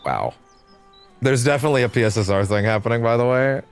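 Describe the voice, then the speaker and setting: A man's voice: medium pitch, fast, clear, resonant tone. A man giving casual, sweary live gameplay commentary, thinking aloud as he plays. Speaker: game streamer. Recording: game music behind voice. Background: game music.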